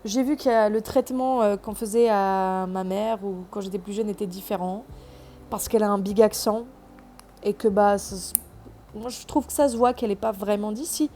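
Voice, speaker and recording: A woman's voice: mid-range voice, steady tone, normal speed, dark tone, a little hiss or hum. A South American woman who has lost her accent, giving a sarcastic, slangy film review in casual vlog style.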